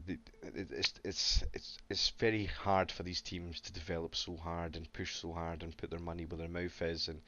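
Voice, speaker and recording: Low, flat-voiced man with a slight cough. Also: moderate pace, hardly any pauses, lo-fi sound, background noise. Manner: rambling, many stammered restarts. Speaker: crypto AMA host. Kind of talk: casual live Q&A chat.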